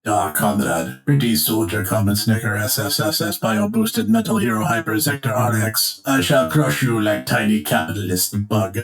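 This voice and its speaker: A man voicing a hulking, slow-witted Soviet starfish monster with a Russian accent and stilted menace. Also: lowish voice, sing-song, creaky, loud music behind the voice. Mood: menacing.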